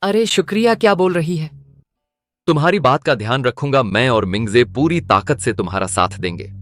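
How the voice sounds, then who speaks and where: A man's voice: mid-range voice, lively intonation, normal speed, a bit bright, no room sound, faint music behind, natural voice. A man dubbing a protective uncle who warns and reassures his niece. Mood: reassuring. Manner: earnest, reassuring. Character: protective uncle, steady and caring. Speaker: dub actor. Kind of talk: Hindi drama dub.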